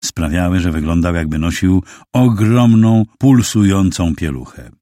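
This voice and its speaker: A man narrates a novel in a very deep voice. His pitch moves a lot as he reads dramatically. The sound is dry and close. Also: unhurried, dry recording. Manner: expressive, dramatic reading. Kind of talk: audiobook narration.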